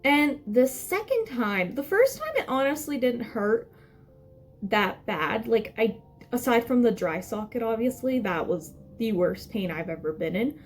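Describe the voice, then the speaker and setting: A woman's voice: fairly high pitch, lively intonation, measured pace, faint music behind. A young adult woman tells a personal story casually, rambling, correcting herself and stressing her points. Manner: rambling, self-correcting, emphatic. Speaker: vlogger telling a personal story.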